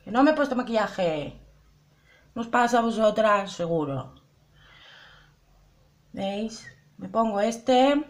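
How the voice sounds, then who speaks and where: A woman's voice: medium pitch, lively intonation, slow, long pauses. A young woman chatting casually to her viewers through a makeup tutorial, often repeating and asking if they see. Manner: chatty, addresses viewers directly, repeats herself. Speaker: beauty vlogger.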